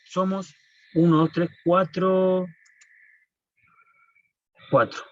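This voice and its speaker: A man's voice: high voice, little pitch movement, very slow, a little hiss or hum. Man, teacher, online class, restarts phrases, dull lo-fi mic. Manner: explanatory, repeats and restarts phrases. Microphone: computer mic on a video call. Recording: dull, dry lo-fi call audio.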